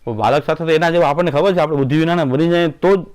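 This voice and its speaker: A man's voice: a little high, rapid-fire, darkish tone, smooth. A middle-aged man giving a devotional talk, telling folksy anecdotes and acting out the dialogue with frequent laughter. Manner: folksy storytelling, acts out dialogue, laughs often. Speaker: devotional speaker.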